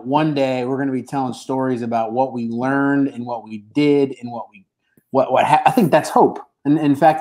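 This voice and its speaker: A man's voice: medium pitch, a little mellow, rough recording. A man on a video call, talking earnestly and reflectively in a casual faith chat.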